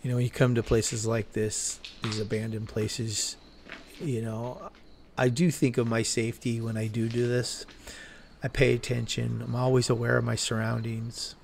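A man casually narrating as he walks through an abandoned desert building at night, with a camera strapped to his chest, rambling slowly and correcting himself as he goes. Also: medium pitch, level tone, creaky, a little mellow, slight background noise. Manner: slow, rambling, self-correcting. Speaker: urban explorer vlogger. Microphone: chest-mounted camera.

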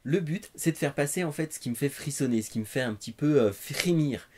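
A man's voice: a little high, expressive, fairly quick, a little mellow. A man in his thirties with a French accent, presenting casually to camera in a conversational, somewhat hesitant way. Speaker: host of a comics recommendation show. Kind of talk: casual review talk to camera. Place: living room with bookshelves.

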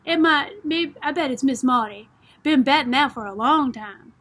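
A woman's voice: sits high, normal speed, a bit bright. A woman reading the part of a curious, chatty little girl with a Southern small-town drawl. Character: eager, curious little girl, quick to talk. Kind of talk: audiobook reading.

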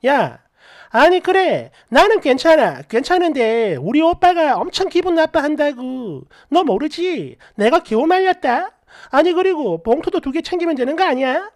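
A woman's voice: high-pitched, animated, fairly quick. A woman voicing a pushy, boastful married female friend who talks down and makes demands. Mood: demanding. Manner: demanding, condescending, loud.

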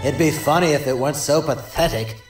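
A man voicing a gleefully cruel clown supervillain in a cartoon fan dub, theatrical and mocking, drawing out his taunts from hushed menace to shrill glee. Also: fairly quick, close to an everyday voice. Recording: roomy echo with music behind.

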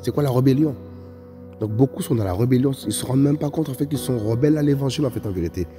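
A man's voice: medium pitch, racing. A man preaching a sermon in an emphatic way, often calling out to his brothers and sisters. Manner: emphatic, repeats "vous voyez, frères et sœurs". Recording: long reverb with faint music.

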